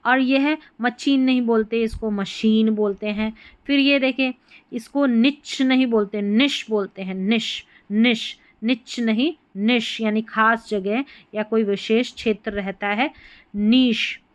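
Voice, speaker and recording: A woman teaching a spoken lesson, patiently repeating words and spelling out letters slowly. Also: a little high, steady tone, no room sound. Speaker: English teacher.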